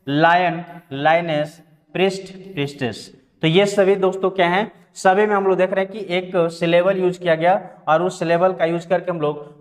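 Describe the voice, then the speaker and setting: Male grammar teacher, higher voice, long hall echo. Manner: addresses viewers as friends, spells words letter by letter. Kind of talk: classroom-style lesson explanation.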